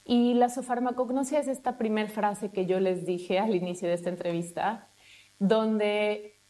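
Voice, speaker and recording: A woman from Mexico with a Mexican accent, a university researcher explaining her field in a fluent, steady way. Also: medium pitch. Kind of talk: explanatory talk to camera.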